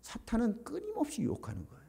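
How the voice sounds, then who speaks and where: A man in his fifties, a pastor delivering a sermon in an emphatic, animated way. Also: extremely high pitch, quick pace, creaky, slightly rough. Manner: animated, emphatic preaching with acted quotes.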